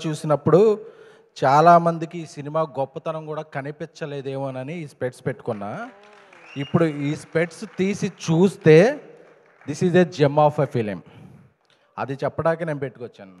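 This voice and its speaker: A man, a film producer, giving an emphatic stage speech at a film event, punching up key points and slipping in English phrases. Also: fairly high pitch. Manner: emphatic, rising to loud stresses. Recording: reverberant event hall.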